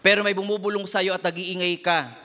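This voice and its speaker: A man preaches a lively sermon, moving freely between Tagalog and English. His voice sits a little high and rings bright and forceful, and he drops into other voices when he quotes people. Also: brisk.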